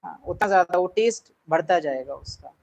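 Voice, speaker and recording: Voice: medium pitch, a little fast, vocal fry, low-quality recording. A spiritual teacher giving a class talk in an earnest way, repeating points for emphasis and putting questions to the listeners.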